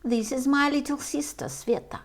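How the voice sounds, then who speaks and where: A woman reading a homework lesson aloud for young children, slowly and carefully, as their English teacher. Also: high-pitched.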